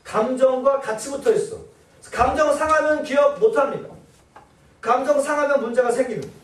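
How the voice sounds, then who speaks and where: A man, a pastor, giving a lively church seminar and acting out nagging quotes in shrill voices. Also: normal speed, reverberant, distant mic. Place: church hall.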